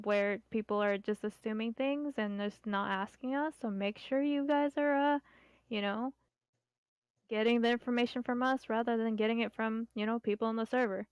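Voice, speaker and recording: A woman leading an informal online community meeting as an admin, explaining things in a halting, conversational way. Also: on the high side, steady tone, smooth, no echo.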